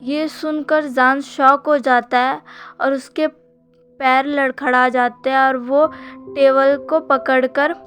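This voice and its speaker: A woman narrating a fan-fiction story in a steady, plain retelling. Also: high voice, slow. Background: faint music.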